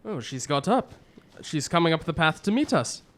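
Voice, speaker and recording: A man playing Doctor Watson, earnest and animated. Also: a little high, moderate pace. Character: kindly gentleman doctor, detective's earnest companion. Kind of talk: radio mystery drama acting.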